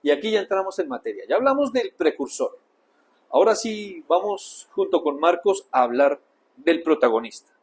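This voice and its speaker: A man with a Colombian Spanish accent preaching a sermon in church, in a conversational way that swings between loud emphasis and quiet asides. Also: high-pitched, very animated, moderate pace, slightly rough. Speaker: pastor.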